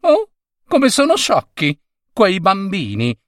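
A man's voice: wildly swooping pitch, slow, no room sound, studio quality, heavily acted. A man voicing a prim, disapproving elderly woman neighbor who speaks indignantly. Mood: scornful. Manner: indignant, shrill.

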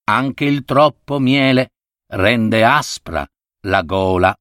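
A man narrating a storybook fable in an expressive, lively reading style. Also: mid-range voice, slow, no room sound, studio quality.

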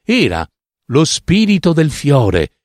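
A man reading a fairy tale aloud with a slow, sing-song, dramatic delivery on a close mic. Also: a little high, wildly swooping pitch, dry recording. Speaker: storyteller.

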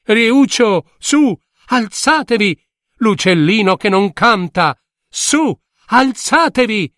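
A man voicing a frantic old woman who is secretly a fairy, crying out in shrill pleading calls. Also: expressive, slow pace, fairly bright tone, dry recording, studio quality, full character voice. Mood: frantic, urgent.

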